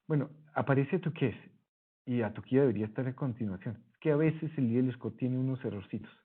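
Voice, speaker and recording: Man teaching Greek meter, husky thin sound. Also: mid-range voice, fairly quick. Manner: patient, explanatory, self-correcting. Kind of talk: screen-recorded lesson. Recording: husky voice, phone-like narrow sound.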